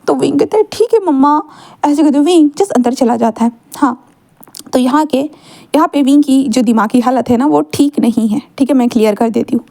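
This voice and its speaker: Woman storyteller, chatty casual narration, high pitch, mellow tone, keeps checking in. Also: fairly quick, vocal fry. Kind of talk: casual fan-fiction narration.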